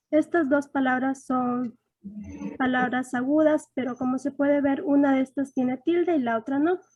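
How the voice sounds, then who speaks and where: A woman's voice: high-pitched, dark tone, dry recording, lo-fi sound. A young woman student presenting a lesson topic to her class, reading prepared points with some hesitation.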